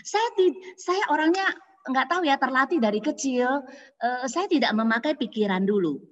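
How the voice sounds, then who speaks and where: Lively high-voiced woman, echoey hall. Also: moderate pace. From Pontianak, Indonesia. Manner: lively, acts out others' voices in her stories. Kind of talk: casual storytelling testimony. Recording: dull audio with long hall reverb.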